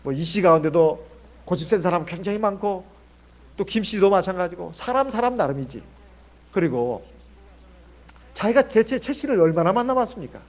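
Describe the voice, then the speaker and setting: High-voiced Korean pastor preaching. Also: male voice, lively intonation, moderate pace, long pauses. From Jeolla, South Korea. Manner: conversational preaching with rhetorical questions. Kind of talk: sermon.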